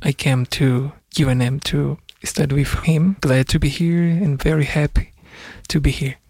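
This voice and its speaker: A man's voice: fairly high pitch, fairly even intonation, moderate pace, a little mellow, no room sound. A man from Brazil with a Brazilian accent, introducing himself in short, friendly sentences. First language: Portuguese. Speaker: graduate string student.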